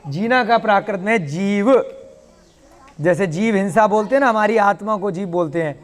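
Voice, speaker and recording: High-voiced teacher in a reverberant room. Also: male voice, moderate pace. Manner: patient, explains with questions and playful asides. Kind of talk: online language class.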